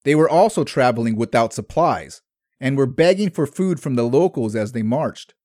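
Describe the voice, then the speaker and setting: A man hosting a history podcast, telling the story in measured, scripted narration. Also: mid-range voice, lively intonation, darkish tone, no room sound, studio quality.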